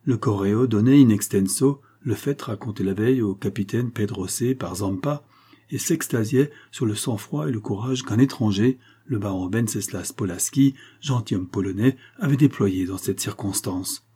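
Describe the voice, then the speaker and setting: A male audiobook narrator reading in a measured storytelling manner. His voice is warm and mellow, with a husky texture. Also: on the low side.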